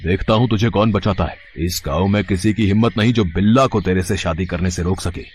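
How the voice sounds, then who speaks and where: A man's voice: sits low, fairly quick, a little hiss or hum, close to an everyday voice. Man doing a menacing village thug. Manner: threatening, boastful. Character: brutish young male village thug. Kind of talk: storybook cartoon voice acting.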